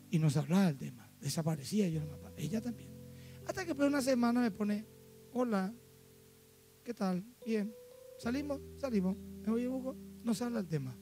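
A middle-aged Paraguayan pastor with a high voice tells stories from his own life in a sermon. He drops to hushed asides and then builds to loud, emphatic preaching. Soft music plays faintly behind him. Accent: Paraguayan Spanish. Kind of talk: sermon with acted-out anecdotes.

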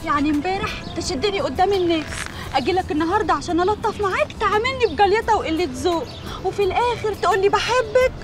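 A touchy Egyptian fiancée. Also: female voice, very high-pitched, animated, quick pace. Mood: reproachful. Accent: Egyptian Arabic. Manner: reproachful, sulky. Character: young woman, touchy, quick-tempered fiancée. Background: music.

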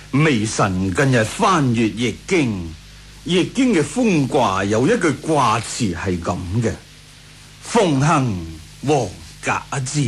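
In this radio drama, a man with a Hong Kong Cantonese accent voices a scheming, deferential imperial councillor and speaks persuasively. His voice sits in the mid range, with a little hiss or hum in the recording.

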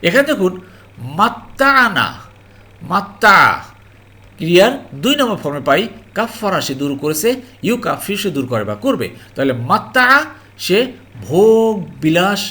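A man teaching an online Arabic grammar lesson on the Quran in a Bangladeshi Bengali accent, explaining slowly and repeating points while checking that viewers understand. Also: sits high, lively intonation, pushed and bright. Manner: slow, repetitive explanation with frequent "ji" and "alhamdulillah"; addresses viewers as "priyo mohtaram" and checks understanding.

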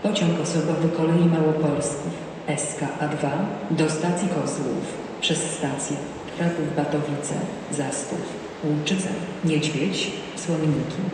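Echoing train station loudspeaker announcement. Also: mid-range voice. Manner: measured, formal, even delivery. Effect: public address loudspeaker. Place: large railway station hall. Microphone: distant recorder picking up loudspeakers. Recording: echoey station hall from far off, noisy.

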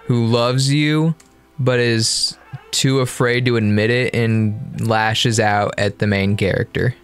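A man's voice: mid-range voice, fairly even intonation, slow, clear, resonant tone. A man giving casual, playful, teasing commentary while playing a horror game. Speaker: gameplay commentator.

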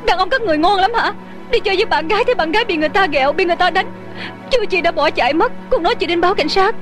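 A voice actress dubbing a fierce, proud young woman who runs a tea shop, sharp-tongued and tearful, over a music score. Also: extremely high pitch, animated, rapid-fire. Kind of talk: Vietnamese dub of a Hong Kong TV drama.

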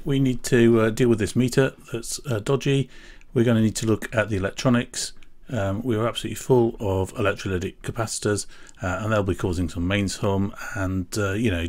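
A middle-aged man with a low, darkish voice hosts a repair video at an indoor workshop bench. He talks casually and methodically through the hands-on fix, step by step.

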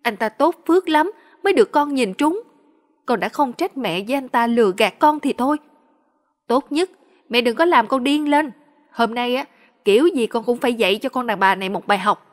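A woman's voice: a little high, expressive, normal speed, lightly acted. A woman voicing a cruel, haughty young mistress. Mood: scornful. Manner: harsh, commanding.

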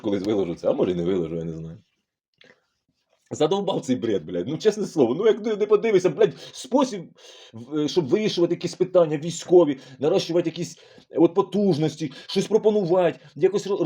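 A man's voice: fairly high pitch, dark tone, slightly rough. A middle-aged man giving a profane, heated and sarcastic monologue as a political commentator. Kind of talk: ranting monologue.

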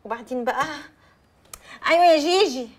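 An actress playing a soothing Egyptian best friend. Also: female voice, sits high, fairly quick, close to an everyday voice. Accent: Egyptian Arabic. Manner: soothing, juggling two phone calls. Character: calming young woman, the bride's best friend. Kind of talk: Egyptian TV drama acting.

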